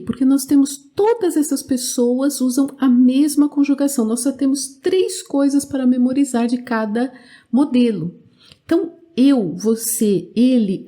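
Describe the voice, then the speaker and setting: Slow-speaking Brazilian woman teaching. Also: fairly high pitch, warm tone. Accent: Brazilian Portuguese. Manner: slow and clear, repeats "né?" often, drills conjugations for learners to repeat. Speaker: Portuguese teacher. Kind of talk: language lesson.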